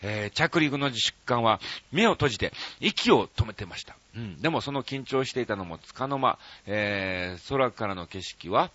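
Lively chatty man with a lilt. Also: medium pitch, dry recording, dull audio. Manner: lively, chatty, quick asides and comebacks between letter lines. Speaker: radio show host. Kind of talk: casual radio chat reading listener letters. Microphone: studio microphone.

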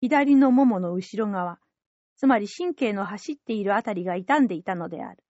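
A woman reading a literary story aloud in a measured, calm way for a theater troupe's podcast. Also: medium pitch, dry recording, highs cut off.

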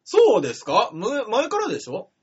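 A man's voice: sits high, huge pitch swings, a little fast, slightly rough, lo-fi sound. A man from Shimane co-hosting a radio talk show, answering teasing with playful, self-mocking comebacks. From Shimane, Japan. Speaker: radio co-host, comedian. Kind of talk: casual comedic banter.

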